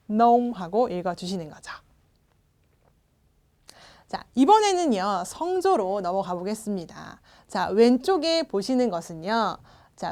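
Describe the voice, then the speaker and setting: A woman's voice: medium pitch, darkish tone. A woman teaching a recorded pronunciation lesson. She is patient, opens each step with a short prompt and says every model sound twice. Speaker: language teacher.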